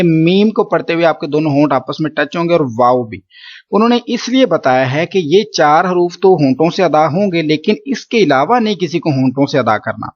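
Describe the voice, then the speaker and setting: Male recitation teacher, slightly high-pitched, patient and repetitive delivery, muffled lo-fi recording. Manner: patient, repeats points with "theek hai". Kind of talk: explanatory lesson.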